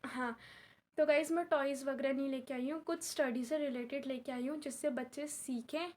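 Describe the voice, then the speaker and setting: High-voiced young woman chatting to viewers. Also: steady tone, normal speed, a little mellow, a little hiss or hum. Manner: chatty, repeats herself, addresses viewers as guys. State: unwell and in pain, lying down. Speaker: vlogger and tuition teacher. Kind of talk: casual vlog talk to camera. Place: at home while her mother does her hair.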